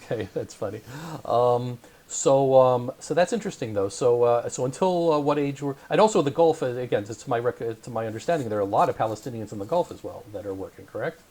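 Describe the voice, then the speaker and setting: A man's voice: mid-range voice, animated, fairly quick, a little mellow. A man hosting a remote interview, chatty and hesitant with many "um"s, laughing often. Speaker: interview host.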